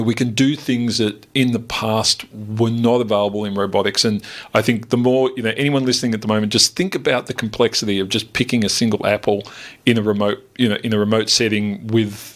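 A man hosting a science radio show in a studio, chatting and interviewing in a bright, curious, enthusiastic way. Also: on the low side, level tone, brisk. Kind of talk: live radio interview chat.

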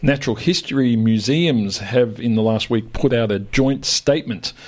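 A man's voice: medium pitch, normal speed, darkish tone. An Australian man hosting a science radio show, chatting casually with informal, joking banter. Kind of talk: casual live radio chat.

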